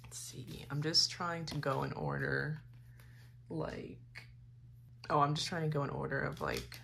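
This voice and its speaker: A young woman rambling casually as she sorts K-pop photocards, giggling, filling her talk with "like" and restarts and trailing into soft mutters. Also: sits low, fairly even intonation, a little slow, gravelly, a little hiss or hum. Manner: drifts into soft mutters while sorting cards. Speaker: K-pop photocard collector vlogger. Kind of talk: casual chatty vlog.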